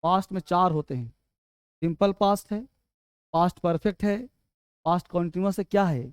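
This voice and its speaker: A man teaching English grammar, quizzing students and urging them to answer fast. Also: sits high, clear, resonant tone, no room sound, studio quality. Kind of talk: classroom lesson.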